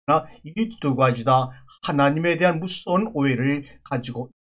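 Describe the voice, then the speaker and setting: A man's voice: mid-range voice, normal speed. A male pastor preaching a sermon, explaining scripture word by word in an earnest, teaching manner and often repeating himself. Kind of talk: sermon on biblical words.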